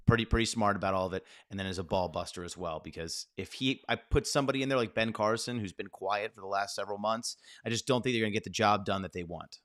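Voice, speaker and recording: A man's voice: fairly low pitch, fast, hardly any pauses, fairly bright tone, no echo, studio quality. A man co-hosting a casual political chat show, speaking in a blunt, opinionated, laid-back way. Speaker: podcast co-host.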